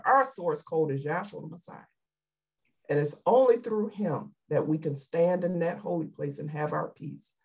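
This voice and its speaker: A woman's voice: on the low side, a little mellow, husky. A woman giving an emotional, fervent sermon over a video call, repeating her exhortations. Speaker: lay preacher.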